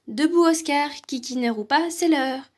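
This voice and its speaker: Woman doing a gentle storybook dad. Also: high voice, normal speed, lightly acted. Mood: fond. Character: good-natured dad waking his child.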